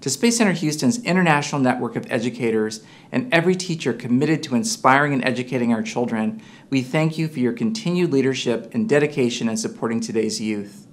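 A man's voice: mid-range voice, a little fast, few pauses. A middle-aged man delivers a formal, scripted address as a representative of an education center, recorded in a studio. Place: indoor studio with plain backdrop.

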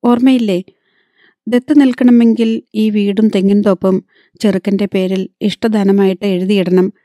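A man's voice: high-pitched, flat delivery, moderate pace, dark tone, no room sound, studio quality, lightly acted. Woman voicing a greedy, stubborn groom's father. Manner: blunt and bargaining.

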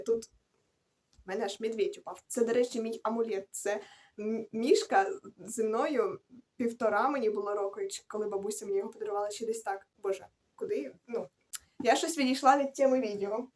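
A woman's voice: a little high, a little mellow. A young woman rambling casually through her book reviews in a vlog, correcting herself and adding slangy asides as she goes. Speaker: book vlogger.

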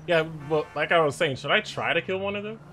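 A young man giving nervous, excitable commentary while playing a game, yelling when chased. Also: fairly high pitch, a little fast, slight background noise. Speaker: gaming YouTuber.

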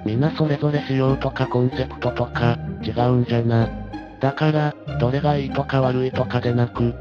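A man's voice: mid-range voice, steady tone, a little fast, close to an everyday voice. A man playing a grumbling old grandpa gamer. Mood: advising. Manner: stock old-man speech endings. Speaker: co-player. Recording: dull lo-fi sound with faint music.

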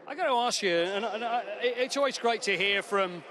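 A middle-aged man interviewing a guest pitchside with a handheld mic, effusive and enthusiastic in his questions. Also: fairly quick, a crowd in the background. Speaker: club TV interviewer. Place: outdoor stadium pitchside.

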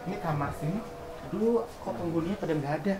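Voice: medium pitch, fast, dark tone. A speaker giving a playful, teasing room tour as a contestant, chatting casually in vlog style. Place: indoor hotel rooms. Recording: echoey room, distant mic, background noise.

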